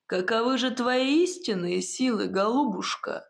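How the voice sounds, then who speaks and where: A woman voicing a mocking male sorcerer villain who speaks slowly and with a sneer in an audiobook. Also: a little high, gravelly. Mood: menacing.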